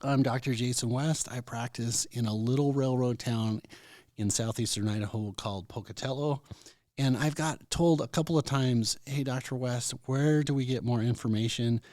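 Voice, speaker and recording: A man's voice: mid-range voice, moderate pace, darkish tone, no room sound, studio quality. An American man hosting a health talk radio show as a doctor, speaking in a folksy, informal way straight to listeners.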